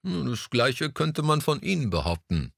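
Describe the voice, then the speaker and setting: A man's voice: mid-range voice, sing-song, measured pace, gravelly, fairly bright tone, no echo, pitched above the performer's own voice, heavily acted. A proud, silver-haired art dealer who grumbles and speaks with mild condescension, read by a male narrator. His voice rises and falls widely over a dry, close recording. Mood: testy. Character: vain silver-haired male gallery owner, gruff. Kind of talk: audiobook dialogue.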